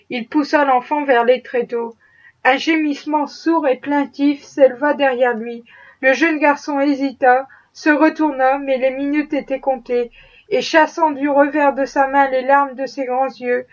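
A woman narrating a classic novel as an audiobook in a steady, measured reading. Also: high voice, muffled recording. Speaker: audiobook reader.

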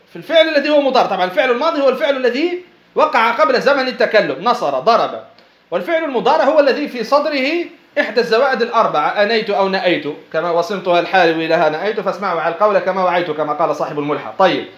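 A man's voice: very high-pitched, a bit bright. A male scholar teaching a lesson and explaining a text, who keeps asking rhetorical questions and answering them himself, often repeating and restarting words. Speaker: Islamic scholar teaching Arabic morphology. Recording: echoey, dull lo-fi sound.

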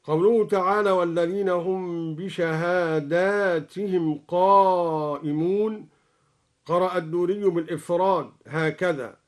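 Guy explaining recitation readings, slow and careful, kinda higher voice, sings the verse bits. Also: fairly even intonation, a little mellow. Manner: measured, chants quoted verses. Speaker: Quran recitation scholar.

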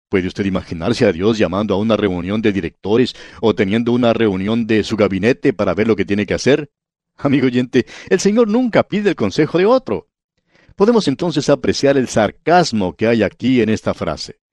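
A man with a low voice teaches a Bible study on the radio. He reads scripture aloud, then explains it and speaks straight to the listener. The sound is dry and close. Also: a little mellow, no room sound.

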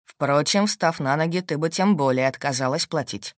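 A woman reading an audiobook, voicing a calm, shrewd and protective husband in a steady, dry, matter-of-fact way. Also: sits low, moderate pace, no room sound, voice pushed down, close to an everyday voice. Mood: calm, firm. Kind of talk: audiobook character voice.

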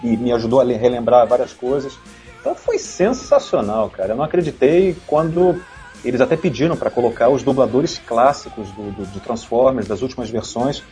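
A man, a voice actor and dubbing director, chatting casually on a podcast with an animated storytelling manner. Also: medium pitch, brisk, soft background music. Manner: animated storyteller, acts out voices and laughs often.

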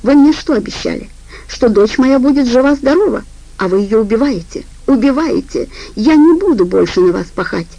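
A woman's voice: medium pitch, normal speed, mellow, dry recording, lightly acted, low-quality recording. A woman voicing a desperate young female doctor, frantic and pleading, in an audiobook.

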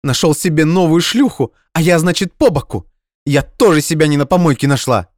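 A man voicing a hysterical young woman who shouts through tears in an audiobook. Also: wildly swooping pitch, a little fast, husky, dry recording, studio quality, exaggerated voice. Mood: furious, tearful. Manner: shrill, sobbing outbursts.

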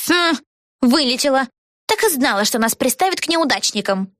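A woman's voice: sits high, lively intonation, moderate pace, a bit bright, no echo, clean studio sound, pitched above the performer's own voice. A woman reading a storybook aloud and voicing stern, disdainful fairy sisters. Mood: sneering. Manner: sneering, disdainful.

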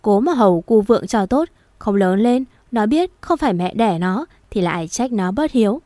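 A woman's voice: medium pitch, lively intonation, moderate pace, mellow, no echo, studio quality, close to an everyday voice. A woman voicing a spiteful young pregnant mistress who mocks and provokes, in a storybook reading. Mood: taunting. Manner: mocking and provocative.

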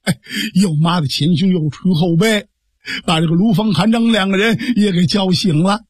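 A male storyteller with a high, husky voice narrating a traditional tale, lively and vivid with spoken sound effects. The recording is dry and close. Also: moderate pace, no room sound. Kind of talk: traditional Chinese storytelling (pingshu).

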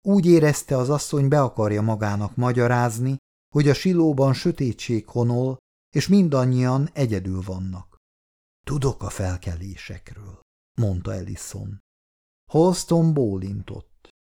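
A man narrating an audiobook in a measured, even, gravelly voice. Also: mid-range voice. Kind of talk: scripted narration.

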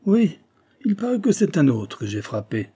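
A man voicing a cruel, drunken male despot who mocks his prisoners with gleeful menace and sudden shouts. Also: a little high, sing-song, normal speed, slightly rough, voice pushed up. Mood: taunting.

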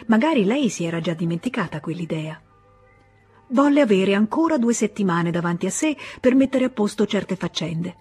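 A woman reading a classic novel aloud in a measured, expressive literary narration. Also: medium pitch, breathy edge. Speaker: audiobook narrator. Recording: faint music bed.

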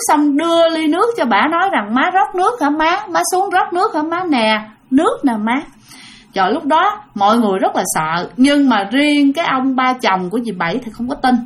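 A woman with a Southern Vietnamese accent narrates a ghost story in a casual, chatty manner, often turning to address her listeners. Her voice is very high-pitched. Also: a bit bright.

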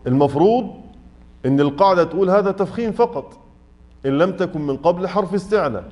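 Egyptian male teacher, fairly high voice, patient, explains step by step and quizzes the class. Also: lively intonation, a little mellow. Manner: mixes classical and colloquial Arabic, asks the class check questions; slowly spells out example words. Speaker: Quran recitation teacher. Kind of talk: tajweed lesson explaining a poem. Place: mosque study circle.

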